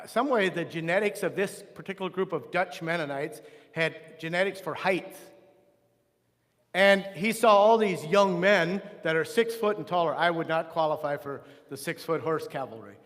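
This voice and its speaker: High-voiced man teaching Sunday school. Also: normal speed, fairly bright tone, long reverb tail. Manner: conversational, with frequent restarts and asides. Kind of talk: church history lesson. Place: church room.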